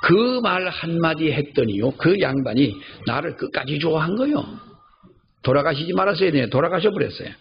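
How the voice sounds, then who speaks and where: An older male pastor delivers a sermon in a gravelly, creaky voice, telling anecdotes and hammering home key phrases by repeating them. The recording sounds slightly dull, with faint noise underneath. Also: fairly high pitch, animated, fairly quick. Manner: storytelling, emphatic repetition of key phrases. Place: church.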